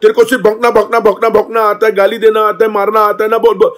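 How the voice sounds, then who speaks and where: A man imitating a hyper young man who yells back defiantly, repeating himself. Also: high voice, flat delivery, quick pace, voice pushed up, natural voice. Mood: shouting defiant. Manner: loud, defiant, repetitive yelling. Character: hyper, shouting young man picking a fight.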